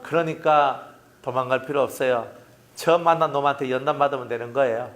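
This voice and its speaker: A man's voice: medium pitch, steady tone, fairly quick, a bit bright. A middle-aged man with a Gyeongsang accent, preaching a sermon as pastor in a folksy, joking way, often asking the congregation questions. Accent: Gyeongsang Korean.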